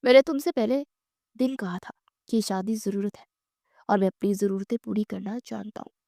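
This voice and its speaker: A woman reading the lines of a scheming young husband with a flat, cold delivery. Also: mid-range voice, vocal fry, no room sound, studio quality, natural voice.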